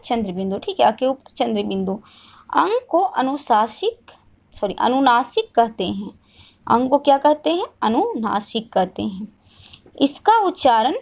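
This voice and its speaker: A woman's voice: on the high side, vocal fry. Hindi teacher woman quizzing and repeating. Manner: asks questions and answers them herself, repeats each point. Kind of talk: classroom lesson.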